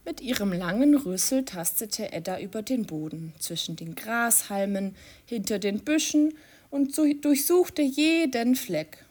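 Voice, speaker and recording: A woman narrating a children's story in an expressive, sing-song manner. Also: a little high, unhurried.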